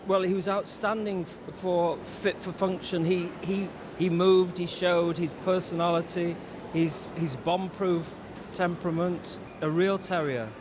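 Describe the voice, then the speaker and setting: A man with a fairly high voice explains dog breeds in a measured, informative way while being interviewed. Traffic and outdoor noise come through clearly behind him. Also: steady tone. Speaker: dog show judge. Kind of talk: interview answers.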